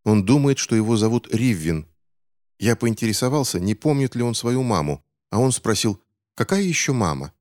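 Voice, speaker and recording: A man's voice: medium pitch, very animated, moderate pace, darkish tone, no room sound, studio quality, voice pushed up, close to an everyday voice. A man voicing a gloomy, earnest boy in an audiobook, blunt and serious. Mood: grave.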